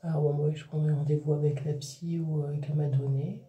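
A woman's voice: sits low, level tone, fairly quick, phone-quality sound. A tired woman, venting in a casual vlog to her viewers, talking in restarts and trailing phrases. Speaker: vlogger, mother. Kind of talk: casual vlog talk to camera. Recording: roomy echo, voice a bit far from the mic.

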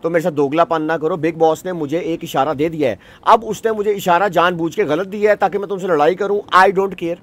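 A man streaming a role-play game, talking loudly and crudely into a headset and swearing often. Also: a little high, brisk, few pauses. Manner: loud, crude, swears a lot.

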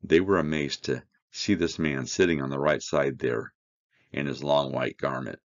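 A man teaching a verse-by-verse Bible study, reading scripture aloud and explaining it with slow, earnest emphasis. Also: rumbling low, steady tone, lo-fi sound.

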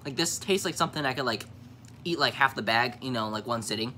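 A man's voice: mid-range voice, fast, bright, forceful tone, slight background noise. A young man vlogging a snack taste test from his home basement, talking in laid-back slang and chewing as he goes.

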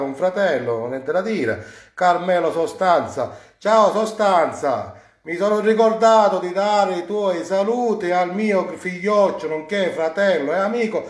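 A man from Sicily speaks in a fairly high voice, calling out viewers' names and sending them warm, effusive greetings. He stretches the names out in a casual live-stream manner. His voice rings around an echoey home kitchen. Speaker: cooking channel host greeting viewers.

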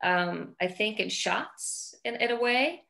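A woman's voice: mid-range voice, slow pace, gravelly, bright, forceful tone. A middle-aged woman from Iceland with an Icelandic accent, a film director talking casually over a video call, searching for words and often repeating them. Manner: thoughtful, repeats words while searching for phrasing. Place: home room with large windows.

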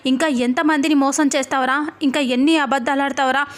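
A woman's voice: high voice, steady tone, a little fast, lightly acted. Woman reading as an enraged patriarch. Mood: furious. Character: enraged older father, head of family.

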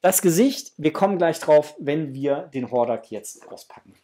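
A man in his forties who vlogs toy unboxings talks casually and enthusiastically to viewers as if they were friends, presenting an unboxing in a small indoor room hung with framed posters. His voice is a little high and animated, at a moderate pace with a warm tone. There's slight background noise.

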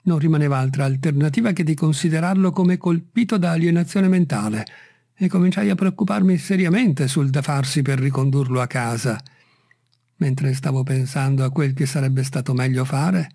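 Un lettore di audiolibri dalla voce leggermente alta narra un racconto classico con tono misurato e letterario. Il ritmo è regolare. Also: male voice, a little high, mellow, no room sound, studio quality. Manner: measured, literary reading. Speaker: audiobook reader. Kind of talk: scripted narration.

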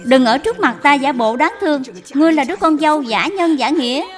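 A woman voicing a harsh, scornful old mother-in-law who scolds and shouts in a dubbed period drama. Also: high voice, lively intonation, fast. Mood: furious. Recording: with music behind.

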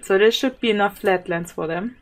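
Nursing a sore throat, a German gaming host talks softly through a zoo game, musing aloud with lots of fillers and small laughs. Her voice is medium-pitched and brisk, and there's a little hiss or hum.

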